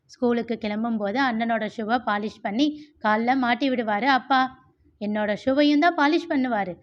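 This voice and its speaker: A woman reading the part of a gentle, reflective young man in a storybook, talking softly and confidingly. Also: a little high, close to an everyday voice. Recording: muffled lo-fi recording.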